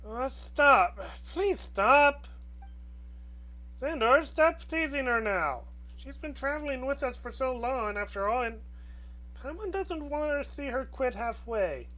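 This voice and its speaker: A woman's voice: high-pitched, lively intonation, moderate pace, a bit bright, pitched above the performer's own voice, low-quality recording. A woman voicing a small, eager fairy companion from a video game, chirpy, bouncy and childlike. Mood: encouraging.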